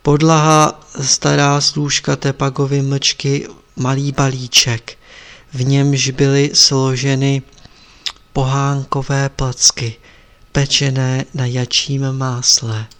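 A man narrating a story in a calm, measured way. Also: medium pitch. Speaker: audiobook narrator. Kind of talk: scripted narration.

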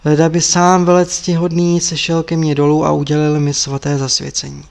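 A man voicing a humble, eager young male disciple who speaks softly and gratefully. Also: on the high side, monotone, creaky. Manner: soft, hushed, grateful.

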